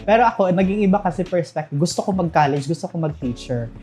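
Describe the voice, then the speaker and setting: A man's voice: sits high, expressive, quick pace, darkish tone, faint music behind. A young man with a Visayan accent, speaking as a guest in a casual interview and laughing often. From Southern Leyte, Philippines. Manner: candid, laughs often while telling stories. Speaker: guest, call center manager.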